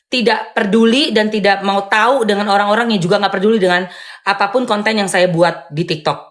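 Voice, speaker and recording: Loud, blunt woman streamer. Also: mid-range voice. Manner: emphatic, often rising sharply on dismissive phrases. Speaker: live-stream host and content creator. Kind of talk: casual live-stream commentary answering viewer comments.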